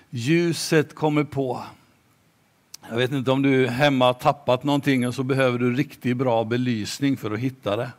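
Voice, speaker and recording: A man preaching a sermon slowly and emphatically, at times dropping to a near-whisper. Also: medium pitch.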